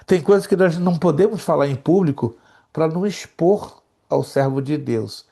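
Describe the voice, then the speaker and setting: Jovial gravelly man in his sixties. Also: a little high, moderate pace, dark tone. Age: 60s. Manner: jovial, teasing, asks the class questions. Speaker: theology teacher and pastor. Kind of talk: classroom lecture.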